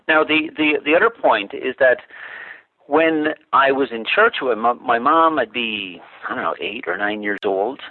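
Over a tinny, dry phone line, an Irishman appearing as a talk-show guest lays out his opinions thoughtfully, with frequent restarts and fillers. He has a mid-range voice with lively intonation, speaks at a measured pace, and there's no echo.

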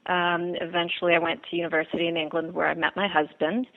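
A woman from the Bahamas, telling her personal story as an interview guest, earnest and halting with fillers and repeats, heard over a phone line. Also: lowish voice, flat delivery.

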